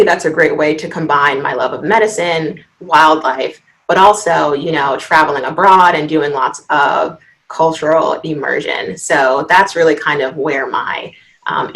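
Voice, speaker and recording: A young woman in her twenties from Washington, D.C., a veterinary student, telling her story softly on a video-call panel, with frequent "um"s. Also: sits low, moderate pace, low-quality recording. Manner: soft-spoken, frequent "um".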